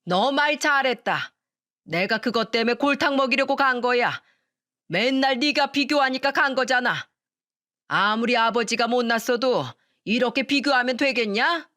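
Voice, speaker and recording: A woman voicing a spiteful, angry older father-in-law in a radio story reading, shouting with scorn and drawing words out. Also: a little high, moderate pace. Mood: furious scornful.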